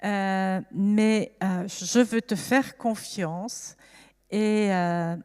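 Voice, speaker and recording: A woman's voice: medium pitch, steady tone, very slow, a little mellow, smooth. Older woman, from France, earnest church testimony, reflective, long hall reverb. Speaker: guest giving testimony. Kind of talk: personal testimony at a church service.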